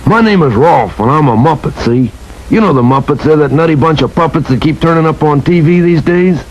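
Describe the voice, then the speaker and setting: An actor voicing a gruff, chatty puppet dog in an old TV toy commercial. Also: male voice, fairly high pitch, brisk, close to an everyday voice. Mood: folksy. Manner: gruff folksy drawl. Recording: noisy old TV audio.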